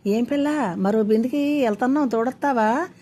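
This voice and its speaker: A woman's voice: on the high side, moderate pace, dark tone, slight background noise, pitched above the performer's own voice, close to an everyday voice. A woman voicing a poor, outspoken village woman who talks back in a defiant, rustic way. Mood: weary.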